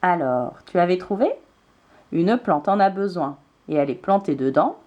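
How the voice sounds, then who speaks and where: A woman's voice: fairly low pitch, lively intonation, dark tone, lo-fi sound. A woman teacher giving a spelling lesson to young children, spelling words out letter by letter. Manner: slow, clearly spelled out letter by letter.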